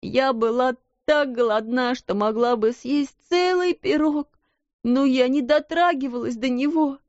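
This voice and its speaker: A woman's voice: a little high, moderate pace, dry recording, dull audio, voice pushed up, close to an everyday voice. A woman doing a sobbing hungry servant girl. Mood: tearful. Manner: tearful, pleading.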